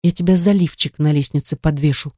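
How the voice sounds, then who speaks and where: A woman's voice: sits low, fairly even intonation, a little fast, warm tone, no room sound, studio quality. A woman voicing a grim, bitter heroine. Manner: stern, grim, hissing under breath.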